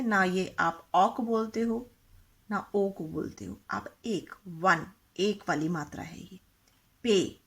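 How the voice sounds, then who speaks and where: Female teacher for young kids, slow and patient, sings up and down through her words, slightly husky. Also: mid-range voice, fairly bright tone. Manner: patient, asks questions and repeats words for practice. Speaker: Hindi teacher.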